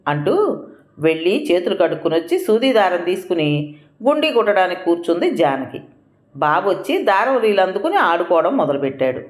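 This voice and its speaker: A woman narrating a domestic tale with expressive, animated storytelling. Her pitch rises and falls in lively swings. The recording has a roomy echo. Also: normal speed.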